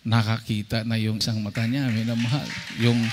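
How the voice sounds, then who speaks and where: A man's voice: on the low side, little pitch movement, fairly quick, noisy background. A male preacher giving a sermon, telling a testimony and acting out the dialogue, with English phrases mixed in. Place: church service. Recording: long church hall reverb.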